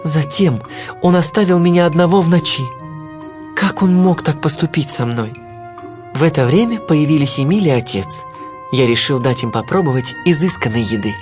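A man's voice: a little high, normal speed, over music. A man reading a children's storybook aloud as narrator, telling it in the first person with expression.

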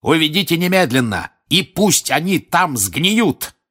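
A man voicing a hateful, stern older male judge who declaims and shouts harshly, in an audiobook. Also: lowish voice, a little slow. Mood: raging. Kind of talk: audiobook character voice.

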